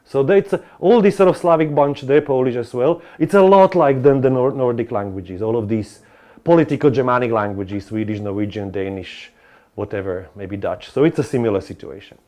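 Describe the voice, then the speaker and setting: Male lecturer, rambling delivery, frequent restarts and asides to the room, mid-range pitch. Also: fairly quick, dark tone. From Slovakia. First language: Slovak. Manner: discursive, many restarts and asides to the audience. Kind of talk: academic lecture.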